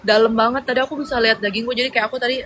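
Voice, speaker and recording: A young woman in a casual livestream chat, rambling along with slangy fillers as she answers viewer comments. Her voice sits a little high and sounds bright and forceful. A faint hum of noise runs behind her phone mic. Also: fairly even intonation, very fast, rough recording.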